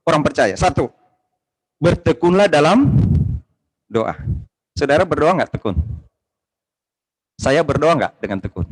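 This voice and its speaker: A male pastor with a slightly high voice, preaching fervently to his congregation. He alternates between ringing declarations and quiet, chatty asides, keeping the tone warm and conversational between the loud moments. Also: lively intonation, unhurried, long pauses, slightly rough, low-quality recording. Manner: impassioned preaching, swinging between loud exclamations and low asides. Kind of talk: sermon. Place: church service streamed online.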